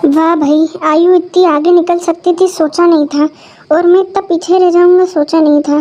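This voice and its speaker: A woman's voice: very high-pitched, fairly even intonation, moderate pace, over music. A woman voicing a self-pitying young man who rambles and whines over his drink. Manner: whining, rambling. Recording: dull lo-fi recording.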